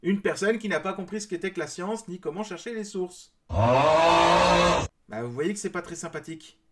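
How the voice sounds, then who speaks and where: A man's voice: high-pitched, fast talker. A man from France giving a critical commentary in reply to a clip, explaining his points with mild sarcasm. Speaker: video creator responding to a clip.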